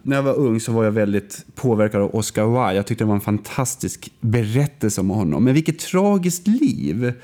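A man's voice: expressive, few pauses, warm tone. A man in casual conversation, telling a film story with restarts and fillers. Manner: storytelling, acts out quoted lines with big pitch swings; hesitant, frequent restarts and fillers.

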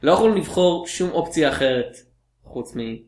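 A man's voice: on the high side, lively intonation, a little mellow, roomy sound. A man co-hosting a podcast, chatting casually about films with wry, playful banter. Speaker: podcast co-host.

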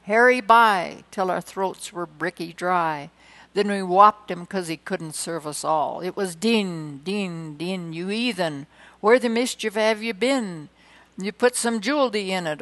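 A woman reading poems aloud with dramatic emphasis, slowing and swelling on key lines, with hesitant asides between poems. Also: lowish voice, fairly bright tone, low-quality recording. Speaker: poetry reader.

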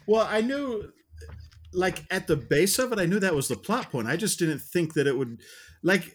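A man's voice: high voice, lively intonation, normal speed, a little hiss or hum. A man co-hosting a podcast, casually reviewing a film and rambling through his thoughts with many restarts and hedges. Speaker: podcast co-host reviewing films.

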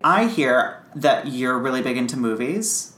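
A woman's voice: rumbling low, expressive, a little slow, music in the background. A woman co-hosting a podcast, chatting casually with enthusiastic reactions. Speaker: podcast co-host. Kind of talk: casual chat. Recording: roomy room with audible hiss.

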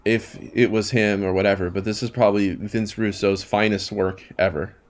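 Low voice guy on a wrestling podcast, stops and restarts a lot, gives his takes. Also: steady tone, moderate pace. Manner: hesitant, restarts, opinionated. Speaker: podcast co-host. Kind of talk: casual wrestling podcast chat.

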